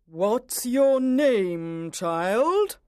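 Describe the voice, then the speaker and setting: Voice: medium pitch, sing-song, clean tone, no room sound, studio quality, voice pushed up. A storybook narrator voicing an angry, bossy queen who drags out imperious commands and shrieks orders. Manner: imperious, drawn-out shouting commands. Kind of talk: storybook character voice for learners.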